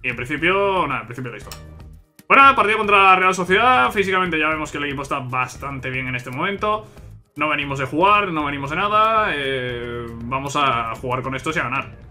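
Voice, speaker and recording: A man's voice: fairly high pitch, fairly quick, soft background music. A man commentating his football video game as he plays, talking to viewers, often repeating himself and complaining that the game is unfair. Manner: frustrated, repetitive ranting at the game, swearing; bursts into loud excited shouts at big plays. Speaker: gaming youtuber. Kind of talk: live gameplay commentary.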